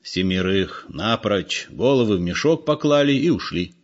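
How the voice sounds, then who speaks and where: A man's voice: on the low side, animated, normal speed, lightly acted. A man voicing a meek but sly ex-convict, on a dull lo-fi recording.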